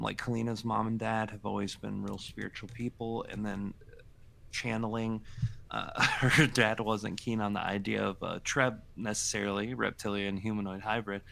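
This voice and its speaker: Gravelly low-voiced man in his forties. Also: sharp tone. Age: 40s. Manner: reflective, unhurried, trailing fillers. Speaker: co-host, channeler. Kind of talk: casual livestream chat.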